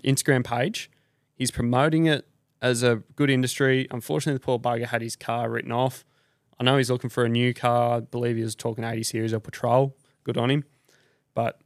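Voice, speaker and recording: A man's voice: medium pitch, no echo, clean studio sound. An Australian man hosting a podcast, ranting casually with blunt, sweary slang. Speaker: podcast host.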